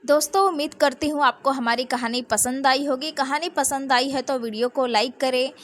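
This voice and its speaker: A woman narrating an emotional story, reading in a plain, steady way. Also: high voice, moderate pace. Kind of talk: read-aloud story narration.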